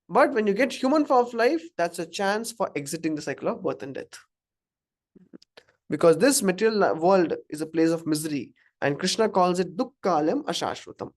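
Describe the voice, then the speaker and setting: A man from Karnataka with an Indian accent, giving an informal scripture class to a live audience and often asking them questions. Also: high-pitched. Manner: conversational, asks the audience questions, chuckles at own examples. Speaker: spiritual teacher.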